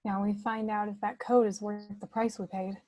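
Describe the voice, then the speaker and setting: A woman playing a composed, brisk young rebel princess in a mellow voice at a script table read. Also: medium pitch, level tone, dry recording, close to an everyday voice.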